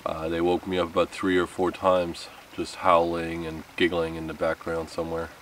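At an outdoor wooded campsite, a camping vlogger in his thirties talks unhurriedly to camera, rambling a little and poking fun at himself. His deep voice is monotone and fairly bright at a moderate pace. The camera sits a few metres away, so the distant mic picks up outdoor background noise.

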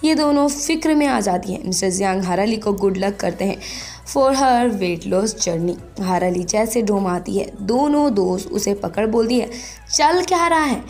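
A woman's voice: mid-range voice, animated, a little slow, dark tone, soft background music. A woman narrating a drama recap in a plain storytelling way, dropping English words in as she goes. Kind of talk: scripted plot recap narration.

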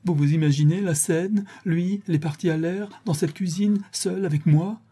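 A man's voice: high-pitched, normal speed, warm tone, husky, voice pushed up. A man reading an audiobook, voicing a tearful young servant woman who pleads her case in a rising voice. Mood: distraught. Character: young woman servant confessing a killing, distraught.

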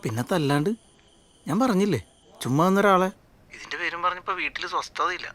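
A man's voice: high voice, fast, fairly bright tone, soft background music. An actor playing a young village man who argues back at his father and teases his sweetheart on the phone. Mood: teasing. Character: young village man, hot-headed but lovestruck. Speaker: film actor. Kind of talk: film drama dialogue.

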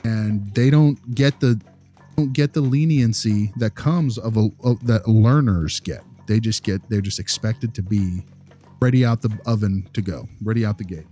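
A behavior analyst co-hosting a casual podcast talks through his opinions, repeating phrases for emphasis. His warm voice is fairly low and moves at a moderate pace over faint background music.

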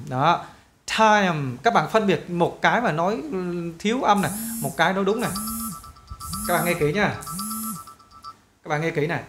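A young man with a Vietnamese accent teaching an English pronunciation lesson, drilling each model word slowly and loudly. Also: high-pitched, reverberant. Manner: lively, repeats model words slowly and loudly.

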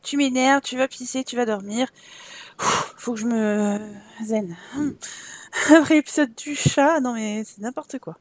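Young woman, high-pitched, casual let's-play commentary, exasperated and swearing. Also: a little slow, dry recording. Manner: exasperated, swears at the game, talks to her Sims. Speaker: Sims let's play streamer.

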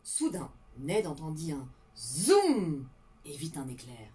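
A woman reading a children's story aloud in an expressive, animated way. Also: low voice, takes it slowly, a little hiss or hum.

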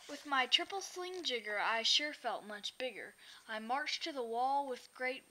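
A woman reads a rhyming children's picture book aloud, her voice bright and fairly high. She takes a very slow, lilting pace through the verse. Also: animated. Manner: lilting rhymed reading. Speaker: storyteller.

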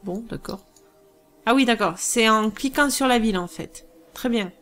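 A woman hosting a let's play, thinking aloud through strategy gameplay in a musing, hesitant way with many pauses. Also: a little high, a bit bright, faint music behind.

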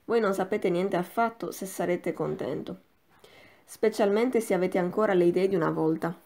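Audiobook: woman reading a formidable old noblewoman, drowsy and placid, commanding, gravelly. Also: on the low side, moderate pace, dark tone, close to an everyday voice. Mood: cold, placid. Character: imperious old marchioness grandmother, cold and unshakable.

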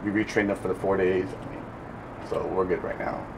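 A man's voice: low voice, steady tone, brisk. A man who manages a restaurant answering interview questions indoors in a hesitant, apologetic way. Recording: distant mic with ambient noise.

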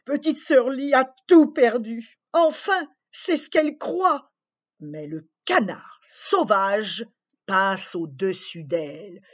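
A woman reading a children's story aloud in a gentle, expressive way, speaking to young listeners, on a dull lo-fi recording. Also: fairly high pitch, slow pace.

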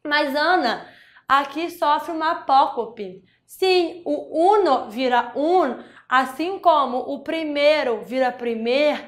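A woman from Brazil teaching a Spanish grammar lesson for exam prep, explaining step by step and checking in with frequent "né?" and "tá?". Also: sits high. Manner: explanatory, with frequent "né?" and "tá?" tag questions. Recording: roomy echo.

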